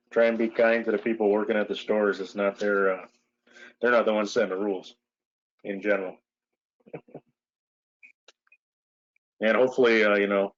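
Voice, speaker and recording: A man's voice: on the low side, no echo. A man chairing a village board meeting over a video call, talking casually with lots of fillers. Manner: relaxed, rambling with many fillers. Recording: muffled lo-fi video call audio.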